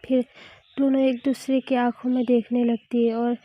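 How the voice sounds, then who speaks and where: A woman's voice: fairly high pitch, flat delivery, moderate pace, muffled recording. A woman narrating a romance story in a plain storytelling manner, sometimes stumbling over which character is speaking.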